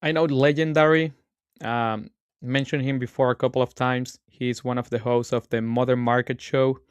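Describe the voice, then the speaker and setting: A man with a smooth, clean voice talks in a relaxed, filler-heavy way as a podcast co-host. The sound is close and dry, with no room in it. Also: mid-range voice, normal speed, no echo. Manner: laid-back, filler-heavy. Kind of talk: casual podcast chat.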